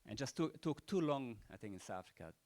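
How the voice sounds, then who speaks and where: This older man's Croatian accent colors a medium-pitched voice that's animated, quick, and a little dark in tone. His closing words at the panel ramble along unscripted, heavy on rhetorical questions and "you know."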